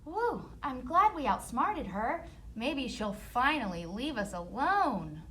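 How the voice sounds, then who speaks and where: Woman doing a high, earnest storybook child. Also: sing-song, takes it slowly, fairly bright tone, a little hiss or hum, full character voice. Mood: relieved. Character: young children lost in woods, earnest and wary.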